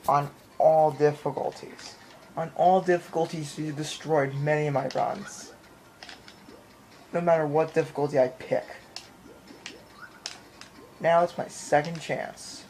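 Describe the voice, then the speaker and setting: A man with a fairly high, steady voice, slightly mellow, rambles casually through commentary on his own gameplay at a measured pace with long pauses, often repeating phrases. He's indoors in front of a TV, filmed on a handheld camera or phone pointed at the screen, and the audio is poor with slight background noise.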